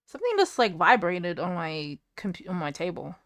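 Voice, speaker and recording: A woman's voice: on the low side, big pitch swings, normal speed, fairly bright tone, dry recording. A woman streaming from home, chatting casually and rambling to her chat while fixing her setup, close to a desk mic.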